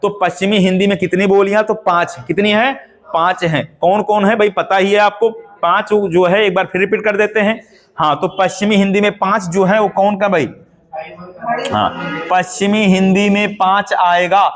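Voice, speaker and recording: A man's voice: high-pitched, fairly even intonation, normal speed. A man teaching an exam-prep lesson, asking questions and repeating the answers to drill them in.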